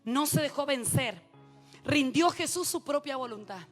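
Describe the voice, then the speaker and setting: A woman preacher delivering a sermon, calling out to her congregation and rising from hushed asides to shouted exhortations. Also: high voice, expressive, measured pace, soft background music. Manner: addresses the congregation directly, calls for responses.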